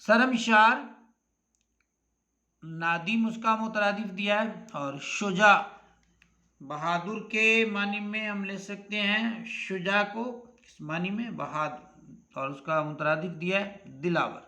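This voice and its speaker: A male teacher with an Urdu accent, slowly reading out a list of words and their synonyms, repeating each pair. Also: sits high, bright, forceful tone. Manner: slow, deliberate, repeats each word and its meaning. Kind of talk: classroom lesson on synonyms.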